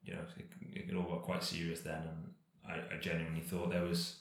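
Deep flat-voiced man in an echoey room. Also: brisk. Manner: relaxed, rambling, many fillers and restarts. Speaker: professional cyclist guest. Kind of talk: casual interview chat.

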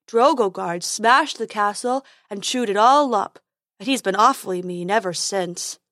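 A woman voicing a silly, stubborn male unicorn in a storybook, slow, dopey and gossipy. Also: medium pitch, a bit bright, no echo, clean studio sound, natural voice. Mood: alarmed gossip. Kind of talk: storybook character voice.

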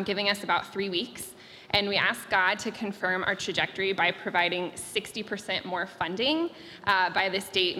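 A woman's voice: mid-range voice, pushed and bright. A woman speaking as a missionary, sharing a sincere and reflective testimony. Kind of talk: personal testimony. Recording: echoey hall with faint noise.

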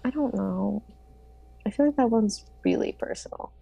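Young woman co-host, gravelly voice, dry close sound, casual wry chat. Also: on the high side, normal speed, dark tone, no echo. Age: young adult. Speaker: podcast co-host.

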